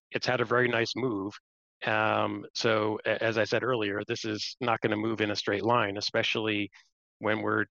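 A man's voice: lowish voice, vocal fry, fairly bright tone. A man giving unscripted, explanatory market commentary as an investment strategist on a panel. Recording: roomy, slightly muffled livestream audio.

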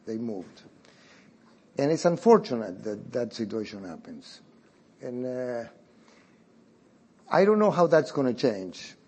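Male guest, mid-pitched husky voice, talks in hesitant stops and restarts. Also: darkish tone. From Argentina. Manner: hesitant, restarting phrases with frequent "uh". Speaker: private art collector, guest. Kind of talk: conversational storytelling on a panel.

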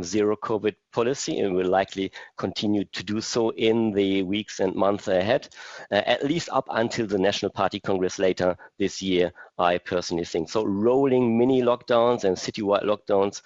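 Deep voiced guy doing a halting market briefing, dry dull webcast sound. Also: dry recording. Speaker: investment strategist presenting. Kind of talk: live market briefing with slides.

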